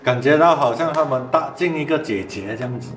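A man, a spiritual master co-host, calmly explaining and reacting in casual chat. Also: medium pitch, brisk, roomy sound, over music. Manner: calm, reacts with short interjections then explains.

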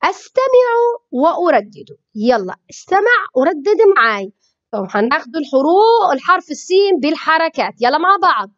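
High lively woman drilling syllables. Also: dry recording. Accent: Libyan Arabic. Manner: slow, drawn-out syllable drills, each sound said twice. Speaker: Arabic reading teacher. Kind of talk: children's phonics lesson. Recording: dull lo-fi recording.

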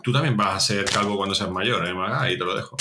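A man's voice: sits low, fast talker, noisy background. A man, a guest co-player in a casual gameplay chat, full of jokey banter.

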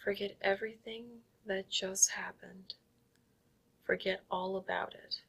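A woman playing a stage hypnotist who calls herself a zombie queen, giving soft whispered commands in an ASMR hypnosis roleplay. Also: mid-range voice, flat delivery, unhurried, creaky, husky, full character voice. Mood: playful.

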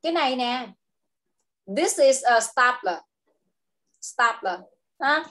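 A woman with a Vietnamese accent leads a one-on-one English lesson for a child. Her voice sits high, and she drills each word slowly and patiently. She speeds up when she explains things. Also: expressive, bright, forceful tone. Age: adult. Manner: slow, patient drilling of words, switching to quick speech when explaining. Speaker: English teacher.

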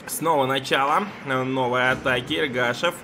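A man's voice: medium pitch, steady tone, moderate pace. A man giving live play-by-play ice hockey commentary in short, clipped phrases. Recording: noisy ice rink broadcast.

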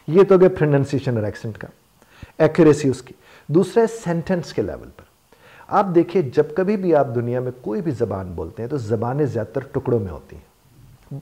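A man's voice: medium pitch, mellow. A man gives a motivational lesson on spoken English, explaining with everyday examples and repeating phrases for emphasis. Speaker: life coach teaching spoken English.

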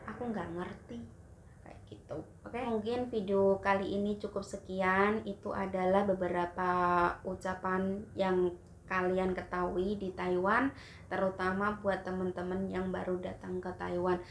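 A woman's voice: mid-range voice, little pitch movement, unhurried. A young woman vlogger explaining everyday phrases in a chatty, casual way, acting out short examples. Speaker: vlogger teaching Mandarin phrases. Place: in Taiwan. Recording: echoey room with faint background hiss.

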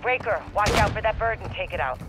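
An actress playing a composed, authoritative military mission commander speaking over radio in a video game. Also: female voice, medium pitch, expressive, quick pace, loud music behind the voice. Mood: composed, directing. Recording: loud gunfire and vehicle noise behind.

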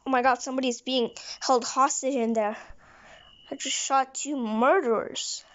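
Girl doing a high-voiced trigger-happy cop, keeps tripping over his words, muffled lo-fi sound. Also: steady tone, normal speed, close to an everyday voice. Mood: grim. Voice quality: rambling, restarts mid-sentence. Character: blunt trigger-happy male police officer. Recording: dull lo-fi recording.

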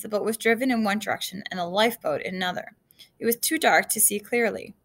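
A woman's voice: mid-range voice, vocal fry, a bit bright. A woman reading a children's adventure novel aloud, casual, with slips and asides to her listeners.

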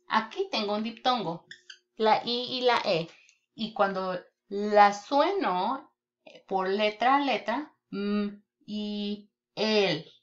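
A woman teacher giving a children's reading lesson online, speaking deliberately, repeating words and checking in with "ok?" often. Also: fairly high pitch. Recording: dull lo-fi recording.

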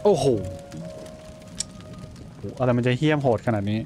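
A man's voice: mid-range voice, measured pace, dark tone, soft background music. A man giving casual let's-play commentary, blunt and swearing freely, with sudden startled exclamations. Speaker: gaming streamer.

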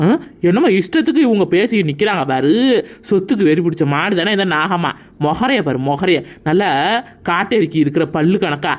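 A woman voicing a sharp-tongued neighbor woman in a cartoon who mocks and scolds. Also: on the low side, lively intonation, fairly quick. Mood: mocking. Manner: mocking, gossipy.

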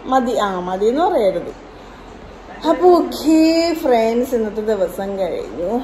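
At home on a rainy evening, a Malayali-accented woman vlogs casually about family life while singing softly to settle a tired, crying child. She speaks unhurriedly in a fairly high, dark-toned voice with big swings in pitch, and the recording quality is low.

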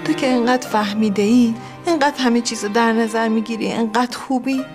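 An actress playing a middle-aged mother, soft and affectionate but reproachful toward her son. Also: on the high side, steady tone, over music, lightly acted. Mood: emotional. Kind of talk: TV drama acting.

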